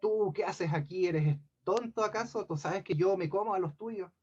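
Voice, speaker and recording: A man voicing a cruel, mocking male giant who eats people, in a gruff, threatening way of talking, in a dull lo-fi recording. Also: sits high, normal speed, darkish tone.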